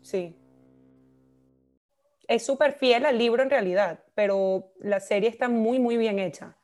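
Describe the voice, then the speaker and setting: A woman's voice: a little high, measured pace, a little mellow, faint music behind. Chatty woman podcaster. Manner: chatty, laughing at her own slips. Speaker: podcast co-host. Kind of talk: casual chat.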